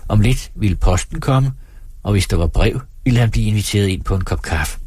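A man narrating an audiobook in a steady, measured reading voice, close to the mic. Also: lowish voice, husky, no echo.

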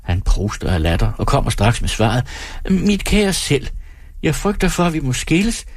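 A man's voice: mid-range voice, sing-song, breathy edge, no room sound, voice pushed up. A man reading an audiobook plays a sarcastic, theatrical stand-up comedian teasing someone in his audience. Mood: gleeful. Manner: sarcastic, theatrical, mock-polite.

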